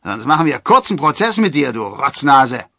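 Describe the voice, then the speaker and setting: A man voicing a brutal male forester shouting harsh threats. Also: medium pitch, very animated, moderate pace, dry recording, studio quality, voice pushed up. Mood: threatening. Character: brutal male forester who shot at Robin.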